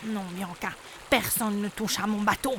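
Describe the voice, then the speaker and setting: A woman's voice: mid-range voice, moderate pace, noisy background, natural voice. A woman voicing a fussy, anxious male duck who fretfully bosses and complains. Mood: bossy.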